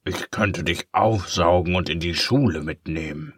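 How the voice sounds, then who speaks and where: A man's voice: low-pitched, slightly rough, dry recording, studio quality, full character voice. A man doing a scratchy whispering villain pen. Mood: creeping. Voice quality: dark dripping scratchy whisper. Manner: slow, creeping, hissing. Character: sly sinister ink-eraser pen, male.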